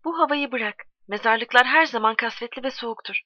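A kindly male barkeeper, voiced by a woman reading a story, soothes and coaxes his grieving friend with gentle patience. The voice sits a little high. The recording is muffled and dry, with no room sound. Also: a little fast, no room sound, close to an everyday voice. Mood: coaxing. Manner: soothing, coaxing.

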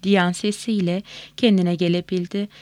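A woman reading a novel aloud in a measured, expressive way. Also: on the low side, no echo. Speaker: audiobook reader.

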